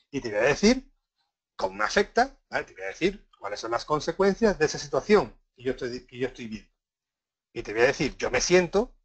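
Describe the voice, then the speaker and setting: A man from Spain giving a live workshop on assertive communication, often checking in with the audience and acting out example phrases. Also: fairly high pitch. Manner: frequent "¿vale?" checks and restarts, acts out example phrases. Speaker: workshop speaker. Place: conference room.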